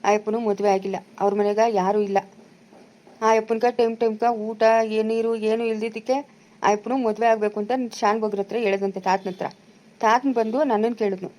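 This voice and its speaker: A woman's voice: medium pitch, steady tone, a little fast, a little mellow, lightly acted. A woman playing a bossy village brother-in-law. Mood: persuading. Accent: rural Chikkaballapura Kannada. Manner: scolding, commanding. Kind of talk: amateur village family drama.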